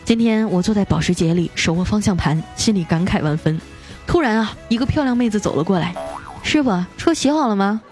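Over soft background music, a female radio presenter with a medium-pitched, slightly mellow voice and lively intonation reads out jokes sent in by listeners. Her chatty, playful delivery includes her own teasing remarks, stretched-out particles and all.

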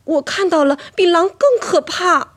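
A woman's voice: very high-pitched, lively intonation, unhurried, fairly bright tone, voice pushed up, exaggerated voice. A woman voicing a frightened little boy in a bedtime story, pleading breathlessly.

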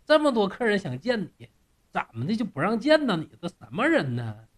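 A man doing a brash, shouting brute. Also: high voice, wildly swooping pitch, brisk, voice pushed up, heavily acted. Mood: rowdy. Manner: shouting, crude. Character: brash boorish male warrior, rough.

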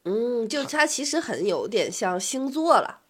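A woman co-hosting a podcast in casual chat, chatty and quick to jump in with everyday examples. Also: on the high side, sing-song, husky. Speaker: podcast co-host.

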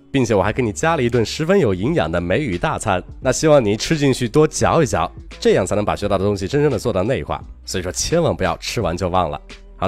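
A man teaching English pronunciation in a chatty, teasing way, talking straight to the listener. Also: on the low side. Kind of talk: recorded pronunciation lesson.

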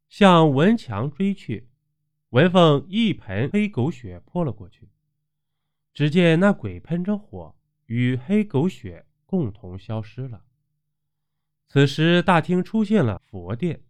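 A man narrating a dramatic ghost story, acting out the characters' voices as he goes. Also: fairly high pitch. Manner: animated storytelling with acted voices.

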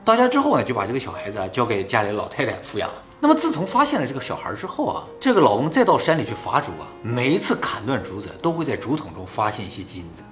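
A man hosting and telling old tales in a casual fireside storytelling manner, pausing for explanatory asides. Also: medium pitch, wildly swooping pitch, a bit bright, faint music behind. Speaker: host and storyteller.

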